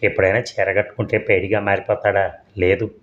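A man's voice: low voice, flat delivery, fairly quick, natural voice. A man reading as a remorseful old mother-in-law. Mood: pleading. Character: elderly woman, mother-in-law, remorseful and pleading. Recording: dull lo-fi audio.

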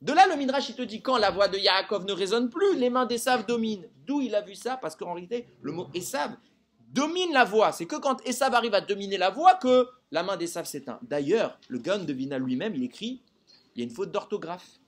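Male Torah teacher addressing a live group, somewhat high-pitched, very expressive delivery, constantly quizzing his listeners. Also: fairly quick. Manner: animated, quizzes listeners with rhetorical questions.

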